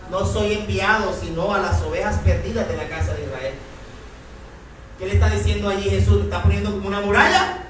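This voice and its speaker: A man with a high voice preaches an impassioned sermon, pressing his congregation with questions. The sound booms around a very echoey church hall, and he is picked up from well back from the mic. A faint hiss sits underneath. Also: recorded from a distance. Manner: impassioned, keeps asking the congregation if they are listening. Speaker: pastor.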